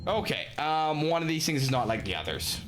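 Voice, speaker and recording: A man's voice: fairly high pitch, big pitch swings, brisk, a bit bright, faint music behind. A young man from Western Canada giving casual live commentary as a game streamer, hesitant, with frequent ums and dry asides.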